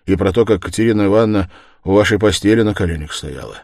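A man's voice: sits low, quick pace, vocal fry, a little mellow, no room sound, clean studio sound. Man reading a gloomy, curt young man. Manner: gloomy and abrupt. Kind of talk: audiobook character reading.

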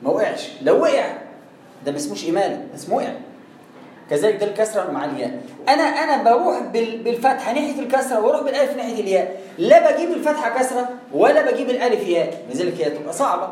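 A man's voice: sits high, big pitch swings, rapid-fire, darkish tone. A man with an Egyptian accent teaching recitation rules, patiently asking questions and answering them himself, drawing out sounds to demonstrate. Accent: Egyptian Arabic. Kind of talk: explaining tajweed rules. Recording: echoey room, distant mic, faint noise.

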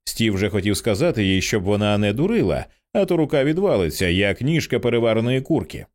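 A man narrating an audiobook with an expressive, dramatic reading. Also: lowish voice, quick pace.

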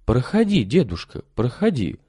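A man voicing a kind, caring woman who talks gently and coaxingly in a storybook reading. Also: mid-range voice, sing-song, measured pace, husky, no room sound. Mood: kindly. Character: kind, caring middle-aged woman host.

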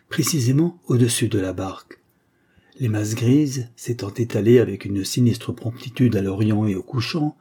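A man narrating classic fiction as an audiobook, reading in a measured, dramatic way. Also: mid-range voice, warm tone, slightly rough.

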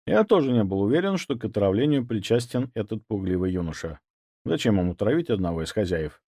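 A man narrating an audiobook in an expressive storytelling manner. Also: fairly low pitch, brisk, no echo, clean studio sound.

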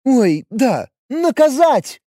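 A man voicing an excitable, cheerful young woman who squeals with delight. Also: very high voice, extremely slow, no room sound, clean studio sound, voice pushed up, heavily acted. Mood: gushing delight.

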